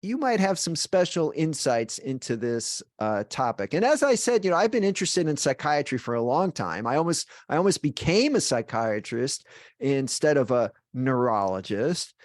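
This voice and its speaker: A man's voice: medium pitch, very animated, normal speed, dry recording. Casual man hosting, dry sound. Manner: casual, musing questions. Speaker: podcast host, neurologist. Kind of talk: conversational interview.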